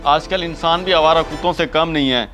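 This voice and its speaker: A poor, worried laborer questions his wife with concern, played by a man in a slightly raised voice. Clear music plays behind him. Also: on the high side, brisk, fairly bright tone, close to an everyday voice. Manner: anxious, questioning. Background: background music.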